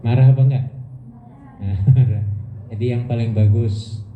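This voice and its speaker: A man's voice: mid-range voice, fairly even intonation, unhurried, a little hiss or hum. A man giving a religious study lecture to a women's group in a mosque hall, playful, asking the audience questions and acting out lines with laughs. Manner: playful, questions the audience and has them answer; laughs often, acts out insults. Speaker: Islamic religious teacher. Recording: echoey, tinny phone-like sound.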